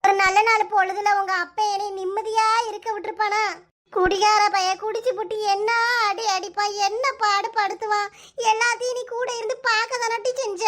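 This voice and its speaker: A woman's voice: extremely high pitch, a bit bright. A woman voicing a bitter, tearful middle-aged village mother in a cartoon, wailing and complaining in a Kanyakumari Tamil accent. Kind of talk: cartoon voice acting.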